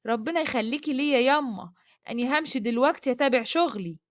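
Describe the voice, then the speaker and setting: A woman's voice: high voice, fast, dry recording, clean studio sound, close to an everyday voice. Woman doing a brooding landlord. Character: stern brooding young Upper Egyptian landowner man.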